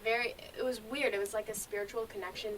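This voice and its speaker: A young woman, a singer, telling a story in a relaxed way as a guest in a radio interview. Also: fairly high pitch, fast talker, recorded from a distance, a little hiss or hum, poor audio. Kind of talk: casual interview chat.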